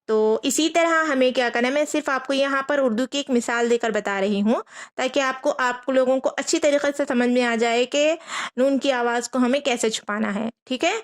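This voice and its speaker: In a patient Quran reading lesson, a woman whose voice sits high goes over each rule again and again. She poses rhetorical questions to her students and spells letters out slowly.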